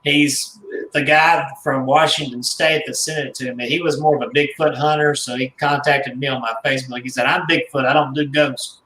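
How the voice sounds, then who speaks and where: A man, a guest collector, telling stories in casual radio chat, rambling and halting with restarts and small chuckles. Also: medium pitch, steady tone, sharp tone, roomy sound, poor audio. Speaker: guest, haunted doll collector and author.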